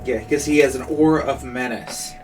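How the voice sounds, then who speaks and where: A man playing a tabletop game, eagerly planning his moves out loud. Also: mid-range voice, moderate pace, far from the mic, slight background noise. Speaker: player. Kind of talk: casual game talk.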